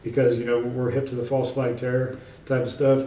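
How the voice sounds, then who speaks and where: An author appearing as a guest in a casual in-person interview speaks in a mellow, medium-pitched voice with little pitch movement, fairly quickly. He rambles emphatically and self-assuredly, full of fillers and restarts. The room is echoey, he sits far from the mic, and there's faint ambience.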